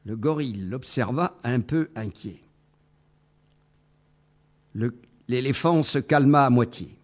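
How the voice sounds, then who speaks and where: A man reading a children's tale aloud with lively, expressive delivery. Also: medium pitch, slow pace. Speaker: storyteller.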